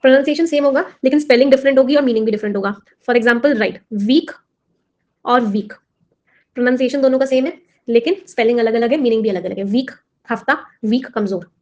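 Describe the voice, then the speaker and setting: A woman's voice: a little high, a little fast, muffled recording. A woman teaching vocabulary for exams, explaining in Hindi with terms and constantly quizzing her students. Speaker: English teacher for exam prep. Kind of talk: classroom lesson.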